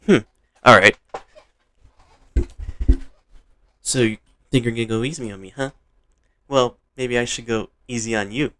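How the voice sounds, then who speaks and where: A man's voice: medium pitch, a little fast, pushed and bright, no room sound, close to an everyday voice. Man doing a loyal cocky little electric mouse, upbeat, teasing, dry close sound, fan storytelling.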